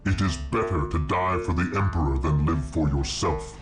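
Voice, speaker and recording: Booming metallic war machine. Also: male voice, over loud music. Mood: solemn. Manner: slow, solemn, commanding. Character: ancient war-machine warrior man, stern and dutiful. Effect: booming metallic machine filter. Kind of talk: video game unit voice lines.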